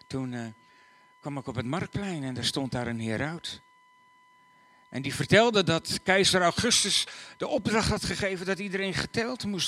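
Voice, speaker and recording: A man voicing a kind young carpenter who speaks gently and hesitantly and worries about a long journey. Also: medium pitch, lightly acted.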